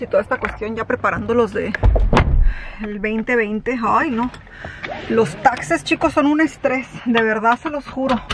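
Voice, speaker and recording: A woman's voice: high-pitched, background noise. A woman, chatting casually to her viewers in a home vlog. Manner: chatty, addresses viewers as chicos, frequent fillers. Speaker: vlogger. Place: home and car.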